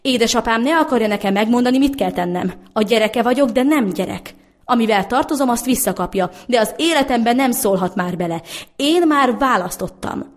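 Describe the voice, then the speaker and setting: A woman's voice: a little high, expressive, voice pushed up, close to an everyday voice. Determined young baker's son read by a woman, earnest, storybook lover. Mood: defiant.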